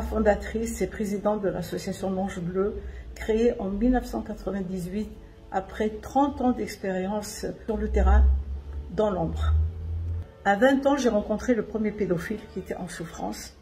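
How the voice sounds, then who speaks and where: Casting: older woman, soft dark timbre, association president telling her story, faint music underneath. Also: mid-range voice, normal speed, low-quality recording. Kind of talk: personal testimony.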